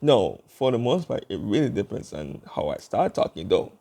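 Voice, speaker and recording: A young man vlogging alone to his channel, his voice dark and mellow with a gravelly rasp at the edges. He rambles through fillers and restarts. He tries to keep his pace slow and deliberate. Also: fairly low pitch, big pitch swings. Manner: working to speak slowly and deliberately. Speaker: YouTube vlogger. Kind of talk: casual vlog monologue.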